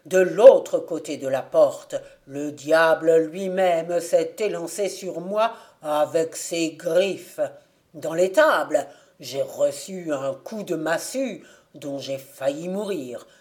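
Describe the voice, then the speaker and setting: A woman's voice: low-pitched, slow, a little mellow. A woman reading a storybook aloud and voicing a wounded male robber who dramatically complains about what he suffered. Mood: aggrieved. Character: battered male robber exaggerating his wounds.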